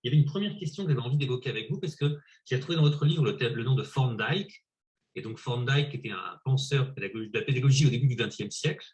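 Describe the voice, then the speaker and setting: A man's voice: medium pitch, fast, a little mellow. A man interviewing at a conference, posing a detailed, thoughtful question.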